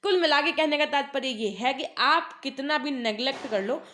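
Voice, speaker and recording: A woman teacher with an Indian accent giving an online lecture, explaining in Hindi and reading English passages slowly. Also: high voice, sharp tone.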